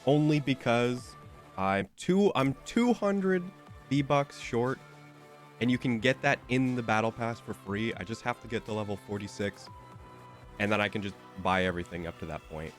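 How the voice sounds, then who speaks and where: Faint music plays behind a young man who chats loosely while streaming a game, rambling and using many fillers. He speaks at a moderate pace in a mid-range voice that sounds stuffy and a bit nasal.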